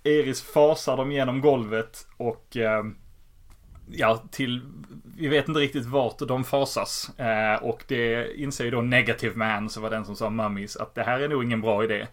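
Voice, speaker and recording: A man's voice: medium pitch, fairly even intonation, fairly bright tone. A man who animatedly retells the plot of a comic in a casual chat, often laughing as he goes. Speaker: podcast host. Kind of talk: casual comic book recap.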